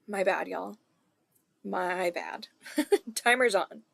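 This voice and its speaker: Woman chatting on a cozy work stream, slow and a bit gravelly, dry close sound. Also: mid-range voice, no echo. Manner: self-deprecating, thinking aloud, soft asides. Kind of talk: casual co-working livestream chat.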